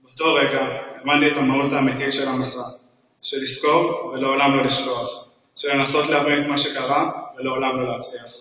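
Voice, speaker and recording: Male speaker, flat earnest reading, bright tone, far off in a hall. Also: medium pitch. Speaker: ceremony speaker. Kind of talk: reading a personal reflection. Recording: dull, echoey hall from far off.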